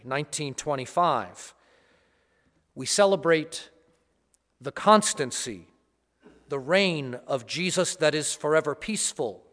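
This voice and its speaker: Male priest, measured homily delivery, fairly high voice, long cathedral echo. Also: fairly bright tone. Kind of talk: gospel reading and homily at Mass. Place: large church. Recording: long church hall reverb.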